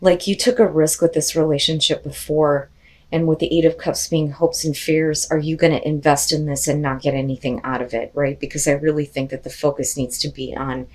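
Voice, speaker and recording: A woman, slightly hoarse from losing her voice, doing a casual tarot card reading, chatty and full of "you know" and "like" fillers. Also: deep voice. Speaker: tarot reader.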